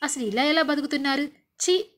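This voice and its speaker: A woman's voice: high-pitched, normal speed, fairly bright tone. A woman voicing a clever young wife who answers back with cutting, indignant retorts. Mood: disgusted. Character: clever young wife, proud and quick-witted.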